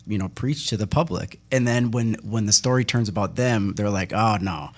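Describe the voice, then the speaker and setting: A man reminisces while chatting casually on a local radio talk show, rambling with many fillers and restarts. He speaks in a lowish voice at a moderate pace.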